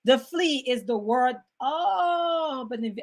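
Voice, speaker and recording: A woman's voice: sits high, expressive, takes it slowly. A young adult woman hosts a casual livestream and chats animatedly while reading out viewer comments. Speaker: host reading live chat.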